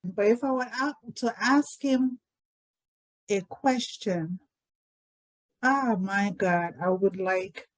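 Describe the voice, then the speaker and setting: A woman, recalling her life in a reflective, unhurried way with many pauses. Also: mid-range voice, low-quality recording. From Liberia. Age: 60s. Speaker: interviewee telling her life story. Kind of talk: reflective personal storytelling.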